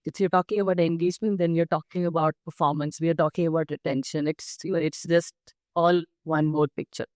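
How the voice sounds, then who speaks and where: A woman's voice: sits low, fairly even intonation, brisk, hardly any pauses, a little mellow, no room sound, clean studio sound. A woman, hosting an interview, who builds her questions thoughtfully, step by step. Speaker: interviewer, company chairperson. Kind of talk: interview conversation.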